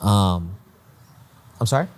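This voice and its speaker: A man's voice: fairly low pitch, animated, slow, a little mellow. A man hosting a podcast as a preacher, chatting and interviewing in an informal, encouraging, slangy way. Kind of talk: casual chat and interviewing.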